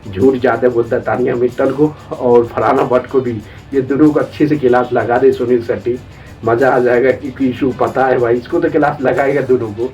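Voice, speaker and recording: A man's voice: mid-range voice, fairly even intonation, fairly quick, darkish tone, distant mic, highs cut off, faint music behind. A man giving casual, rambling gossip commentary on a TV show, repeatedly addressing viewers as friends and brother. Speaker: entertainment news commentator.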